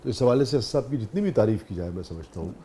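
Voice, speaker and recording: A man's voice: fairly low pitch, expressive, dark tone, slightly rough. A man with a Pakistani Urdu accent hosting a talk show, who affirms his guest often with short agreements and asks questions. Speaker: host.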